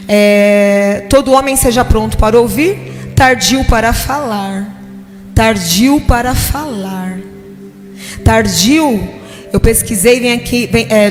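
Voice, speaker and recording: A woman with a Brazilian Portuguese accent preaching a sermon in a conversational way, often checking in with the congregation. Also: high voice. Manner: conversational preaching, frequent "né?" tag questions to the congregation. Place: church hall. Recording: long hall reverb with faint music.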